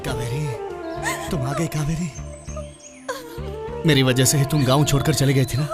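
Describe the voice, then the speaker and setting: An actor dubbing a heartbroken young hero who speaks with emotion and reproach. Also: male voice, medium pitch, steady tone, normal speed, over loud music, lightly acted. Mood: reproachful. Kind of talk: Hindi-dubbed film acting.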